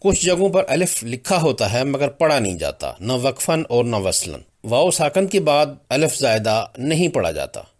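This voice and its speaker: A man from Pakistan teaching Quran recitation rules, repeating example words slowly and carefully. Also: mid-range voice, sing-song, darkish tone. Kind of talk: slow explanatory lesson with recited examples.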